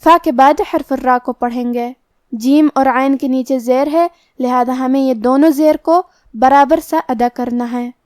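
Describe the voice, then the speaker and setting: High-pitched female tajweed teacher, dry studio sound, patient and methodical. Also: steady tone, a little mellow, no echo. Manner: methodical, drawn-out chanted recitation of words. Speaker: Quran recitation teacher. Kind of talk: explaining tajweed rules with slow demonstrations.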